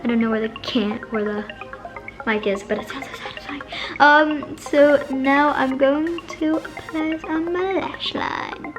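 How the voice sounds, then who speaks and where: A woman's voice: sits high, unhurried. A woman casually talking through a makeup tutorial, chatty, with lots of fillers and self-corrections. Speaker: makeup vlogger. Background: background music.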